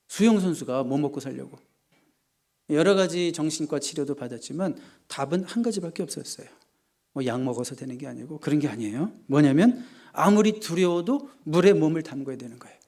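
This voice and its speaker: Man, pastor, animated sermon, higher-pitched voice, dramatic delivery. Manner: lively, dramatic preaching with acted quotes and humor.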